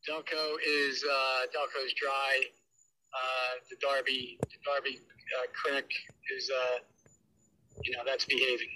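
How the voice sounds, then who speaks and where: An older man, calling in over a phone on speakerphone, talking casually and haltingly with many pauses. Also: medium pitch, level tone, pushed and bright, a little hiss or hum, low-quality recording. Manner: halting, with many "uh"s, plain-spoken. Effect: heard over a phone on speakerphone. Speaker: caller, host's father.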